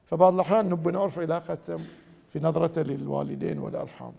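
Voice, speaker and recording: A man's voice: fairly high pitch, very fast, gravelly, husky, in a large hall. A man with a Gulf Arabic accent giving a religious lecture on marriage, acting out quoted husbands and wives as he goes. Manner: acts out quoted spouses in lively dialogue.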